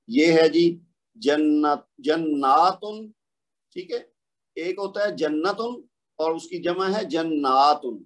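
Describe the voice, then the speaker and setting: A man teaching a recorded online lesson, explaining patiently step by step, asking the learner questions and slowing down to draw out example words. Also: fairly high pitch. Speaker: Quran recitation teacher.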